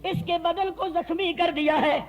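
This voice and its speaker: A preacher voicing a bragging rich chieftain. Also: male voice, very high-pitched, steady tone, dull audio, a crowd in the background, voice pushed up. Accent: Punjabi. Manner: indignant, bragging. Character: grieved rich man boasting he beat his slave.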